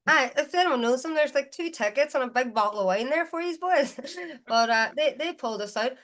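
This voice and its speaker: A woman's voice: high voice, lively intonation, fairly quick, fairly bright tone. Chatty woman with a Derry accent. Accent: Derry, Northern Irish. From Derry, Northern Ireland. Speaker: guest musician. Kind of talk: casual chatty storytelling.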